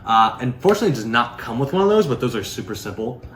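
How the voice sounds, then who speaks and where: A product reviewer gives a casual, unscripted demonstration, rambling informally and peppering it with filler words. His mid-range voice is fairly bright, with big pitch swings and rapid-fire delivery. The room is echoey, with faint background noise.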